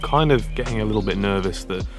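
A man's voice: fairly low pitch, fast. Chatty young man, wry and self-deprecating. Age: young adult. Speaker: fishing vlogger. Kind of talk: casual to-camera vlog. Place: outdoors by an overgrown lake. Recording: music bed underneath.

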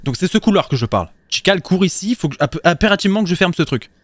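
A man hosting a horror game let's play, excitable, swearing and laughing, yelping when frightened. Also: high voice, fast talker, no echo. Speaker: gaming video host.

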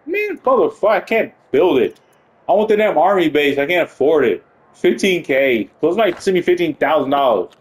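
A man giving excitable, profane live commentary while playing a video game. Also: on the high side, moderate pace, rough recording. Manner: excitable, profane, swings between panic and triumph. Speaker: gaming channel host. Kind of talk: live let's-play commentary.

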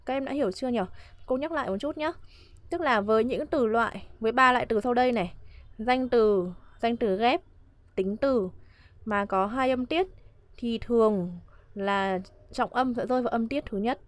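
A woman gives a video lesson in a patient, repeating way, pausing to ask if students follow. Her voice sits a little high. It is recorded close and dry, with no room sound. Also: no room sound. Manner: patient, repetitive, checks understanding. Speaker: English teacher. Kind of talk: classroom-style video lesson.

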